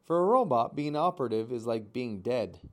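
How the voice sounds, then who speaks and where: Man doing a calm, formal robot mother. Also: mid-range voice, natural voice. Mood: measured. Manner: flat, measured and formal.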